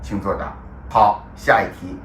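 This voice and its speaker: A man presenting a comic dialect lesson like a formal language test, in a deliberate, mock-serious way. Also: fairly low pitch, fairly even intonation, reverberant, slight background noise.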